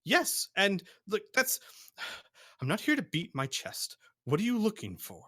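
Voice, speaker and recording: A man's voice: sits high, wildly swooping pitch, measured pace, pushed and bright, no echo, studio quality, pitched above the performer's own voice, full character voice. A man voicing a weary, blunt diplomat in a tabletop space game, direct and exasperated. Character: weary, blunt male diplomat negotiating peace.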